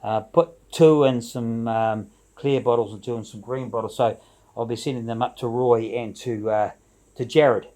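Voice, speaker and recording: A man's voice: medium pitch, fairly even intonation, normal speed, dark tone. A man chatting casually and ramblingly to camera as a video blogger, with a jovial, informal, slangy way of talking.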